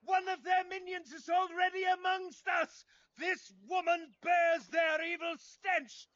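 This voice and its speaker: An actor playing a frantic, grieving male refugee who shouts warnings of doom, in a video game. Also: very high-pitched, level tone, unhurried, no room sound. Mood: ranting. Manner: shouting, ranting, wild. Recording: muffled game audio.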